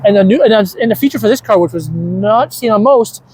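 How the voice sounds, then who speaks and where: A man's voice: high-pitched, animated, quick pace, a little mellow, a little hiss or hum. A man chatting casually as he explains old electric cars in an indoor museum, enthusiastic and rambling, with many restarts. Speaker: co-host explaining car exhibits. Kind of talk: casual chat touring a museum. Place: indoor car museum hall.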